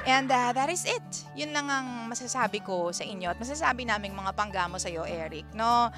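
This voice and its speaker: A woman's voice: fairly high pitch, expressive, moderate pace. A Filipino woman radio DJ giving chatty relationship advice and reading listener messages, mixing Tagalog and English. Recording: radio broadcast with faint music behind.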